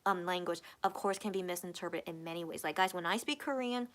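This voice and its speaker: A young adult woman, a native English speaker with a fairly bright voice on the low side, hosts a casual live stream at a fast clip. She reads comments from chat and answers them rambling, full of fillers and repeated words.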